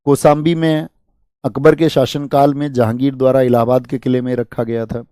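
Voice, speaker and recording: Male history teacher, from India, exam-prep lecture, asks and answers his own questions, mellow voice, dry recording. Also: medium pitch, flat delivery, clear, resonant tone, no echo. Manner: quizzing students with quick questions and answers.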